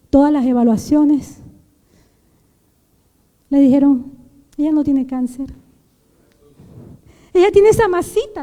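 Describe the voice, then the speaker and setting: A woman's voice: high-pitched, mellow, in a large hall. A woman giving an emotional testimony in a sermon, retelling the story with many restarts, in a church. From Venezuela. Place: church sanctuary.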